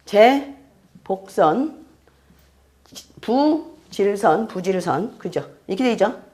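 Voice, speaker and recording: Lively, questioning woman lecturer. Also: medium pitch. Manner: keeps checking students with quick questions; explains step by step and repeats key terms. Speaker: fortune-telling astrology teacher. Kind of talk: classroom lecture.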